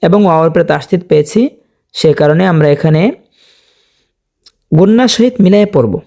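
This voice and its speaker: A man teaching Quran reading, spelling words out letter by letter and drawing out recited verses slowly, asking and answering his own questions for viewers. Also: on the high side, creaky, darkish tone. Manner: slow drawn-out recitation of verses between explanations.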